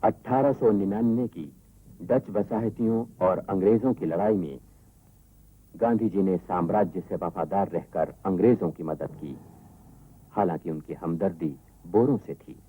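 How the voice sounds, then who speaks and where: A man with a very low, dark voice delivers formal, measured documentary narration. His tone is husky, and the sound comes off an old worn tape. Faint music plays underneath. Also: poor audio. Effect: old worn tape recording.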